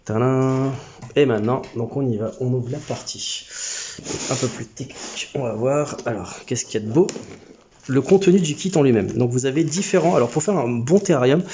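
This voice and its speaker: A man's voice: mid-range voice, normal speed, warm tone, highs cut off, slight background noise. A man hosting a casual unboxing vlog at home, chatty and slangy, often stumbling and restarting his sentences. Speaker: aquarium hobby YouTuber. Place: home living room.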